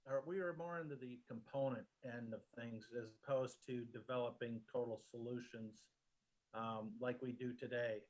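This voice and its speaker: A man's voice: mid-range voice, steady tone, normal speed, lo-fi sound. Matter-of-fact man running a family firm. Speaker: company owner. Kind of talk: testimony in a video.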